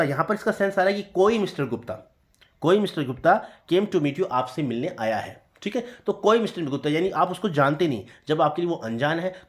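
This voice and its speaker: Man teaching grammar, slow and repetitive. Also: a little high. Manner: slow deliberate reading of example sentences, repeating key points. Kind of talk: explanatory classroom lesson.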